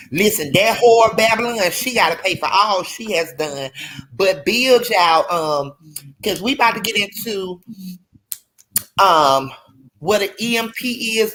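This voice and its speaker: A woman's voice: medium pitch, a bit bright, a little hiss or hum, low-quality recording. A woman hosting a casual livestream, rambling and speaking straight to her viewers. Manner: rambling, addresses viewers as y'all. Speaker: livestream host.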